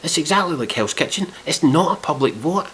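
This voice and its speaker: A man's voice: a little high, lively intonation, a little fast, fairly bright tone, slight background noise. A man ranting in a casual review video, exasperated and swearing a lot. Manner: exasperated, heavily profane, mock-outraged.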